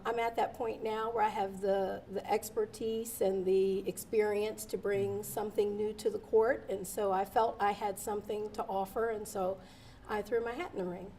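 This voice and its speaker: A woman in her forties, raised in Delaware, answers interview questions as a practicing attorney. She talks earnestly at a middle pitch, pausing often on ums and uhs. A faint hiss sits behind her voice. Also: gravelly, a little mellow. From Delaware, USA. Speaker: guest, attorney and judicial candidate.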